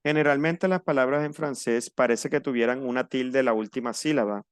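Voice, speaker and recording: A man leads a French class over a video call and patiently slows down to model each word. His voice is smooth and resonant, with a dry, close sound. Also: medium pitch, no echo. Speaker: French teacher. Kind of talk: online class instruction.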